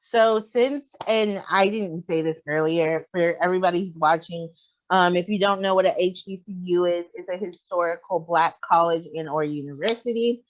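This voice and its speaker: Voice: mid-range voice, moderate pace. Young podcast host with a dull lo-fi sound. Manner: relaxed, many fillers, asks long rambling questions. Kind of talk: casual podcast interview.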